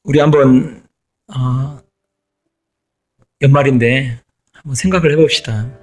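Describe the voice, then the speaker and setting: A man's voice: medium pitch, fairly even intonation, a little slow, darkish tone. A middle-aged man preaching a sermon as pastor, stressing and repeating his key phrases.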